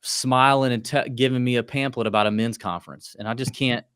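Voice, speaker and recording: Rambling, animated podcast host man. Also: medium pitch, fairly quick, clear, resonant tone, no echo, clean studio sound. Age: 30s. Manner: rambling, animated rants with restarts. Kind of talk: casual chat.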